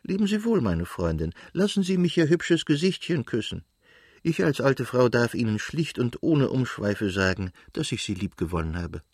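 A man's voice: medium pitch, very animated, normal speed, a little mellow, breathy edge, dry recording, clean studio sound. A man voicing an elderly aristocratic countess, a doting and chatty mother, in a literary audiobook. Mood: fond.

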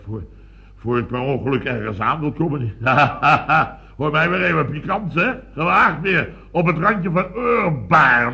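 Pompous fussy businessman, theatrical, bright, muffled old radio. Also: mid-range voice, vocal fry. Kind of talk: radio comedy sketch. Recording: dull lo-fi old radio recording.

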